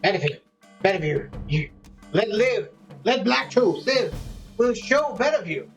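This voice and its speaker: A frightened little goblin, put on by a man, begs for his life in broken pidgin, his voice pushed well above a normal speaking pitch. The sound is dull and lo-fi, with faint music behind it. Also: moderate pace, fairly bright tone. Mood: panicked pleading. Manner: broken pidgin speech, pleading. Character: panicky captive male goblin, broken speech. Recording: dull lo-fi recording.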